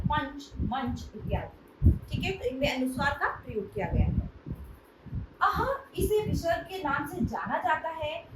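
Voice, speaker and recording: Woman teacher, very high voice, patient step-by-step explainer; distant mic in an echoey room with loud noise. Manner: explains step by step, often checks in with "thik hai". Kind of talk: classroom grammar lesson.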